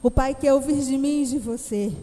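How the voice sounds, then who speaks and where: A woman's voice: sits high, normal speed, mellow. A woman preacher delivering an emphatic, dramatic sermon to her congregation in a church hall. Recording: echoey church hall reverb.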